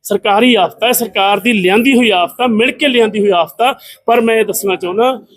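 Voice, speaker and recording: A man's voice: high-pitched, a little fast, fairly bright tone. A middle-aged man giving a combative, scornful press statement full of rhetorical questions. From Punjab, India. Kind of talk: impassioned political statement to press.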